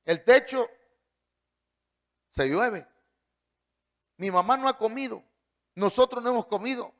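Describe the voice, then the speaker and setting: A man's voice: very high voice, measured pace, fairly bright tone, voice pushed up, heavily acted. A man voicing an earnest, poor young boy in a sermon story, pleading with his father.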